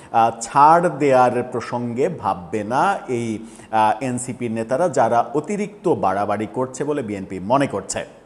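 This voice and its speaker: A man giving solo political commentary, pausing often with filler sounds as he works through his points. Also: medium pitch, a little mellow, in a large hall. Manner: hesitant, many filler sounds.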